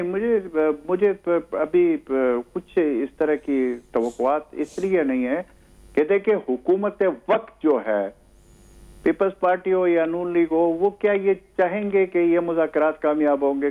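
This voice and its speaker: A male analyst speaks over a tinny, phone-like line. His voice sits a little high, and he talks in a measured way, pausing often and restarting his sentences as he explains his view. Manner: measured, hesitant with many fillers. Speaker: political analyst guest. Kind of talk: studio talk show discussion.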